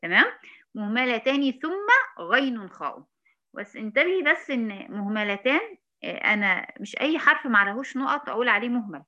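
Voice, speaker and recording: A woman with an Egyptian accent teaching a recitation lesson, patiently demonstrating sounds slowly and checking in with her students. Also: a little high, animated, bright, forceful tone, highs cut off. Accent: Egyptian Arabic. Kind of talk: online tajweed lesson.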